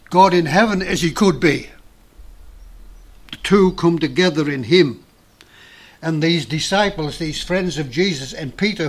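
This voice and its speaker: Earnest preaching man, higher voice. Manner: earnest, emphatic preaching with dramatic pauses. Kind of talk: sermon.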